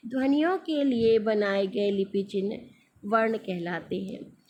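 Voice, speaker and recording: A woman's voice: fairly high pitch, darkish tone, slight background noise. A woman teaching a grammar lesson to children, speaking patiently and calling her students "beta" as she asks questions and answers them herself. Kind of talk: screen-recorded classroom lesson.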